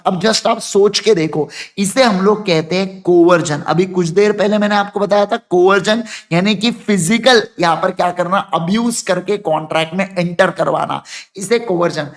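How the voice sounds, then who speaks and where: A man from India teaching law to a class, telling a story with lively call-and-response questions and acting out voices. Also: high-pitched. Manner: acts out students' lines and crying in put-on voices. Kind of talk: classroom lecture.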